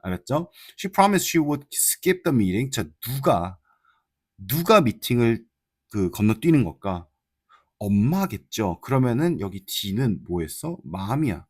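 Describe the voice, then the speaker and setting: A man teaches an exam-prep English lesson in casual Korean, explaining in Korean and reading English lines aloud with a Korean accent. His medium-pitched, slightly rough voice swings widely in pitch at a slow pace, and he addresses students with frequent tag questions; the recording is dry and studio-clean.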